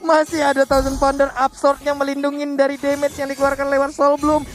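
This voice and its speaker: A man's voice: very high-pitched, monotone, a little fast, soft background music. A man with an Indonesian accent working as an esports caster, calling the match live play by play.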